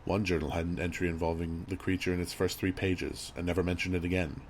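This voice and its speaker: A man reading a scripted horror story as narrator, in a measured, grave storytelling manner. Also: low voice, flat delivery. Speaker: creepypasta narrator. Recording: audible background noise and ambience.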